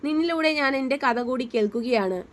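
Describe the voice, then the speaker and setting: Woman reading as a gentle caring young man. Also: high voice, lively intonation, fairly quick. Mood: tender. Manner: soft reassuring.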